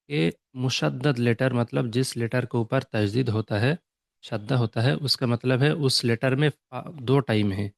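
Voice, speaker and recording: A male teacher explaining recitation rules in a patient classroom manner. He stops often to check that the class has understood and slows down for each definition. His voice sits at a middle pitch and is recorded close, with a dry, dead sound. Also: no echo. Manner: mixes English terms into Urdu, checks understanding with repeated "okay?" and "clear?"; reads English definitions slowly and deliberately. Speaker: Tajweed teacher.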